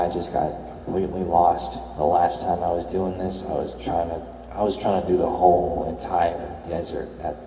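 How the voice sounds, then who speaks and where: A young man giving a soft-spoken, reflective voice-over as he tours a game world, musing hesitantly and correcting himself as he goes. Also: roomy sound, big-room sound, slight background noise, low-quality recording. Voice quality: soft, low-key murmur. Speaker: video game tour vlogger.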